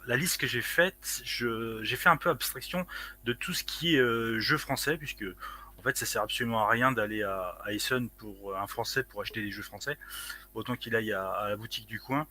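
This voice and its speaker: A man's voice: medium pitch, a little fast, pushed and bright, a little hiss or hum. A man co-hosting a casual live stream, giving his own take in conversation. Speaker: co-host.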